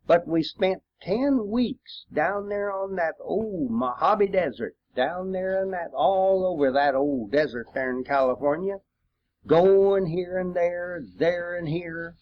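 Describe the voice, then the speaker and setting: A high-pitched, slow-talking rural American veteran in his 80s or older tells his wartime memories as an informal oral history. His storytelling is folksy and meandering, punctuated by frequent throat-clearing pauses, and the lo-fi home recording sounds dull.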